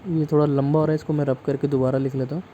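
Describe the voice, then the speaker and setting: A man's voice: medium pitch, level tone, rapid-fire, warm tone, lo-fi sound, a little hiss or hum. A man teaching a math lesson, explaining step by step and checking in often with the class.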